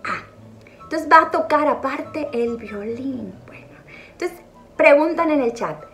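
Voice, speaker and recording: A woman's voice: high-pitched, expressive, measured pace, a bit bright. A middle-aged woman, rambling chattily with self-mocking asides, recorded on a phone. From northwest Mexico. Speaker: vlogger. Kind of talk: chatty monologue.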